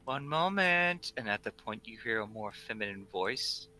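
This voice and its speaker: A man with a fairly low but very bright, forceful voice runs a tabletop role-playing game. He improvises narration haltingly, with faint music behind him. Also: little pitch movement, poor audio. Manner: halting, searching for words. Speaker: game master.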